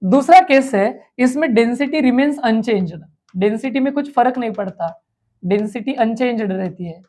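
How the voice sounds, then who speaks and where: A woman teacher giving an exam revision lecture. She asks questions aloud and answers them herself, and she slowly repeats key terms. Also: fairly high pitch, lively intonation, mellow. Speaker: chemistry teacher.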